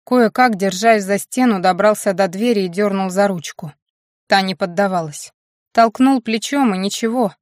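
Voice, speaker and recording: A woman narrating a fantasy audiobook in a steady, even reading voice. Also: medium pitch, normal speed, dry recording, clean studio sound.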